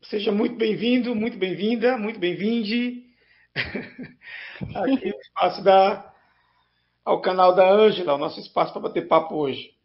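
A man's voice: high voice, measured pace, pauses often. A congested man with a Brazilian accent and a honking, duck-like nasal voice, chatting casually as a guest co-presenter on a livestream. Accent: Brazilian Portuguese. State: congested from an allergy. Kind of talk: casual live chat. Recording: dull, lo-fi online stream audio.

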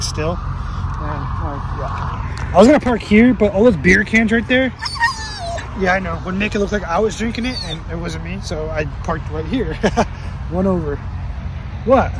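A man's voice: sits high, distant mic, noisy background. A tired young man filming a casual vlog in his car, rambling and swearing often. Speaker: vlogger. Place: inside a car.

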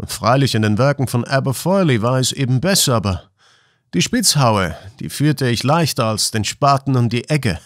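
A man's voice: medium pitch, expressive, moderate pace, no room sound, studio quality, lightly acted. A man voicing a cheerful young male miner who laughs easily and talks merrily, in a storybook reading. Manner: merry, laughing.

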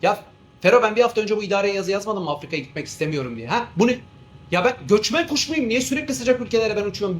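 A man's voice: sits high, slight background noise. A man playing an exasperated male airline captain who grumbles, rants and swears between cabin announcements. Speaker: comedian doing a character. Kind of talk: comic monologue sketch.

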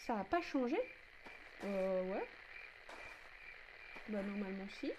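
A woman streaming a game live, chatting casually with her viewers, greeting them by name and filling pauses with "euh". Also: medium pitch, animated, a little mellow, a little hiss or hum.

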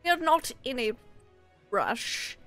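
Woman, high voice, casual game player, improvised chat, video call. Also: very animated, slow, fairly bright tone, soft background music.

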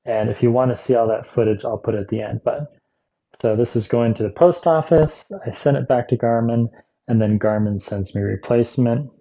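Guy with a super mellow dark voice rambling thru a gadget review vlog, kinda muffled sound. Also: medium pitch. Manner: chatty and rambling, with asides.

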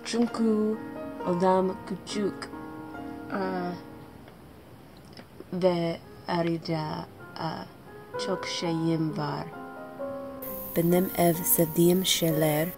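Halting young American woman speaking broken Turkish. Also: lowish voice, fairly even intonation. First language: English. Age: young adult. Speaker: student vlogger. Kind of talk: casual self-introduction vlog in learner's Turkish. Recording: loud music under the voice.

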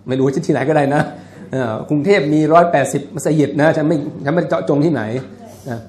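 A man's voice: a little high, fast, darkish tone. A man giving a religious lecture in a mosque, explaining in a conversational way with jokes and asides, and chanting scripture passages. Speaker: Islamic lecturer. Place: mosque hall.

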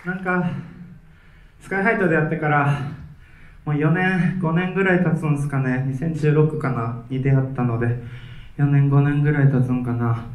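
A man's voice: on the high side, normal speed, narrow, tinny audio. A young man with a Kansai accent, a band frontman talking loosely and earnestly to a concert crowd between songs. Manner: loose, earnest, chuckling asides. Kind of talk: onstage concert talk. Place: large live music hall. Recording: echoey live hall.

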